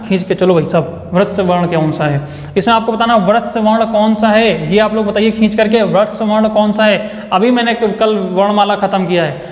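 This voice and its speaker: A man's voice: sits high, a little mellow. A man teaching an online Hindi exam-prep class, repeating each question and answer to his students with upbeat cheering. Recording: echoey room with long reverb.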